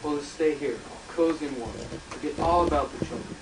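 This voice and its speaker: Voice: mid-range voice, fairly quick, lightly acted. Grumbling old Santa Claus acted by a woman, amateur Christmas play, echoey room, distant mic. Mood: grumpy. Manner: grumbling, complaining. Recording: noisy echoey tape from far off.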